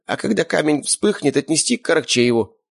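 Мужчина озвучивает трусливого тщедушного пленника. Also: male voice, a little high, expressive, fairly quick, gravelly, pitched above the performer's own voice. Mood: frightened, whining. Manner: whining, stammering, pleading. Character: scrawny frightened male captive, whiny and cowardly.

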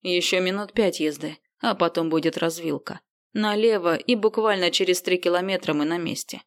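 A woman's voice: lowish voice, normal speed, lightly acted. Lady playing a grumpy sly doctor guy, mutters and grumbles. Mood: grumbling.

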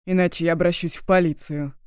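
A woman's voice: lowish voice, steady tone, fast, a little mellow, clean tone, no room sound, clean studio sound, close to an everyday voice. A woman voicing a hot-tempered young man who feels betrayed by his friend, harsh and accusing. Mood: furious.

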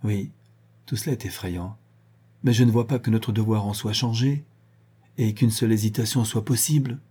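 Grave, devout Breton peasant woman in a storybook reading, played by a man, very dark husky voice. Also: lowish voice, moderate pace. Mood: solemn. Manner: solemn, fervent.

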